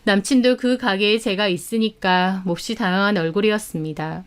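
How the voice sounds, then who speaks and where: A woman's voice: mid-range voice, normal speed, clear, resonant tone. Woman narrating a dramatic story. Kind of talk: first-person story narration.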